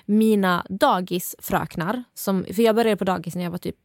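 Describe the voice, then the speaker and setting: A young woman from southern Sweden with a mild Scanian accent, co-hosting a podcast in casual, animated chat. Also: mid-range voice, no room sound, clean studio sound. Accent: mild Scanian Swedish. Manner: animated, talks in quick bursts with quoted asides. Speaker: podcast co-host.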